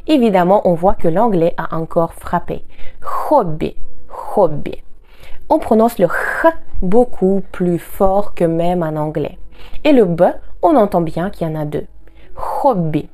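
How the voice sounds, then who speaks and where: A woman with a Russian accent, a native Russian speaker, teaching a language lesson and patiently repeating each phrase slowly twice. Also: medium pitch, animated, mellow.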